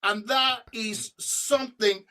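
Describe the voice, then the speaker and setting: Animated bright-voiced man telling stories. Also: high-pitched, slow. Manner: animated, swears freely, hums and sings snippets. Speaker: guest, rock singer. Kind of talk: storytelling in a podcast interview. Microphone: remote call.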